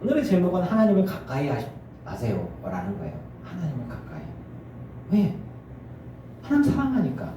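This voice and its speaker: A middle-aged male pastor preaching a sermon, animated and acting out family scenes in character voices. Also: on the high side, brisk, long pauses, a little hiss or hum. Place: church sanctuary. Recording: echoey church from far off.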